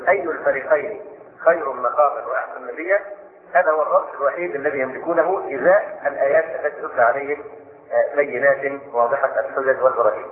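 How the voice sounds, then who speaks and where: An older man giving a spoken lesson on scripture, explaining quickly and slowing to recite verses. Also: medium pitch. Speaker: Islamic scholar giving Quran commentary. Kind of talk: spoken Quran commentary lesson. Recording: echoey room over a tinny phone-like line.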